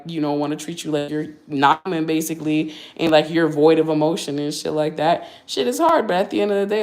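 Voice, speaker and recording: A woman's voice: sits low, a little mellow. A woman in her twenties chatting candidly on a livestream, answering viewer questions in a slangy, talkative way. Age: 20s. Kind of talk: casual livestream Q&A.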